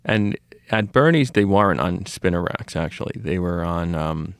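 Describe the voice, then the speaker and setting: A man's voice: low-pitched, expressive, normal speed, dry recording, clean studio sound. A middle-aged man who runs a comic shop, telling long rambling stories on a podcast with many restarts and asides. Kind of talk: casual storytelling conversation.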